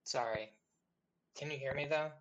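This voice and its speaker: A man co-hosting a casual podcast book chat over a headset mic that crackles from a loose cable. He talks haltingly, restarting and trailing off mid-sentence. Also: mid-range voice, muffled recording, a crowd in the background. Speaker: podcast co-host.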